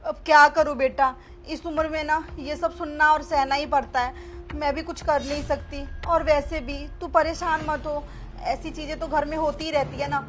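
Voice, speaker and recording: A woman's voice: high-pitched, fairly even intonation, normal speed, a bit bright. Woman playing a sly scheming mother-in-law. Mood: pleading.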